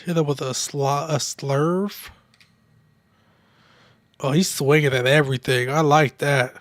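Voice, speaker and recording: A man's voice: fairly high pitch, fairly even intonation, slow, no echo. A young man chatting loosely and swearing while streaming a baseball video game, a bit drunk and with a sore throat. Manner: loose, profane, rambling while playing. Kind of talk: casual gaming livestream chat.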